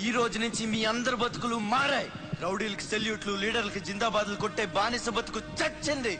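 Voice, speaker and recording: A man plays a fierce film rebel leader, declaiming in a very high, commanding voice. It rings with long reverb over music. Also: quick pace, natural voice. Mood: fiery, defiant. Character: fierce defiant male rebel leader rallying the downtrodden. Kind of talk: heroic film oratory.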